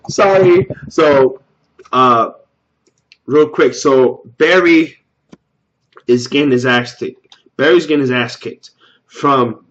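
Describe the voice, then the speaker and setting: A man's voice: medium pitch, fairly even intonation, slow pace, long pauses, a bit bright, highs cut off, slight background noise. A man casually recapping a TV episode, rambling, stumbling over words and repeating himself, with loose slangy talk. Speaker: TV episode reaction vlogger.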